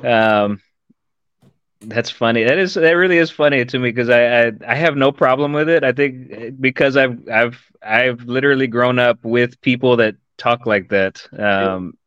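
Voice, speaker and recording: A man's voice: mid-range voice, a little slow, a bit bright, clean tone, no echo. A man hosting a casual interview podcast, talking in a laid-back way and calling his guests "man" and "dude.". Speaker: podcast host. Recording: dry, slightly dull mic sound.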